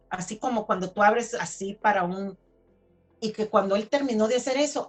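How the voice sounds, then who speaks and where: A woman telling her own religious testimony in a chatty, casual way, full of fillers. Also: mid-range voice. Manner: chatty storytelling with many fillers. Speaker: testimony speaker.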